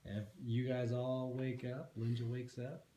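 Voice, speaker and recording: A man's voice: mid-range voice, completely flat delivery, a little slow, dark tone. A man casually narrating a tabletop fantasy game as game master. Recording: echoey room, faint background noise.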